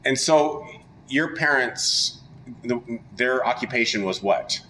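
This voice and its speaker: A man's voice: mid-range voice, takes it slowly, slight background noise, low-quality recording. An enthusiastic middle-aged man hosting an upbeat interview chat with a guest. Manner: enthusiastic, energetic. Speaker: host.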